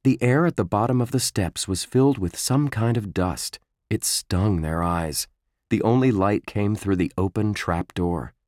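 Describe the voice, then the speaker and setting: Man reading a kids book aloud, slow, lots of pitch movement, dry close sound. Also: darkish tone, no room sound. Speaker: audiobook narrator. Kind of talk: storybook narration.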